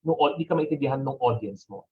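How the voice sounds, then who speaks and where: A man's voice: medium pitch, rapid-fire, husky, phone-quality sound. A Filipino man answering interview questions conversationally and emphatically, often checking for agreement with short rhetorical tags. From Philippines. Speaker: fintech executive guest.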